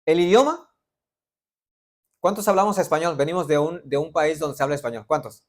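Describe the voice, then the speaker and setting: A man's voice: on the high side, brisk. Veracruz-accented pastor quizzing his congregation. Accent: Veracruz Mexican Spanish. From Veracruz, Mexico. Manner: interactive, quizzing the congregation with joking asides. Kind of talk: sermon.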